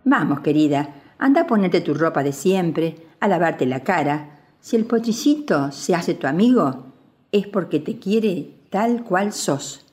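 A woman voicing a gentle, wise old grandfather in a children's storybook, speaking softly and patiently. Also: on the low side, expressive, unhurried. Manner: soft, kindly and patient.

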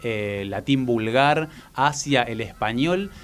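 A man from Argentina with a Rioplatense accent, a teacher explaining things patiently and often checking in with "¿no?". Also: mid-range voice. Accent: Argentine Rioplatense Spanish. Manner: patient, measured, frequent "eh" fillers and "¿no?" tags. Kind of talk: explanatory educational talk.

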